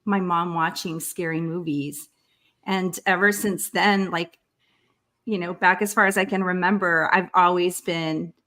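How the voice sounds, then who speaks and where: A woman guest on a podcast, answering in a relaxed, hesitant way with many fillers. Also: lowish voice, a little slow. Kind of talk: casual interview answers.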